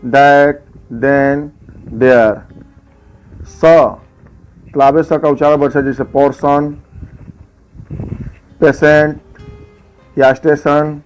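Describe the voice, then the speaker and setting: A man teaching English pronunciation rules, slowly listing example words one at a time. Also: on the high side, darkish tone, rough recording. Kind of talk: slow explanatory lesson.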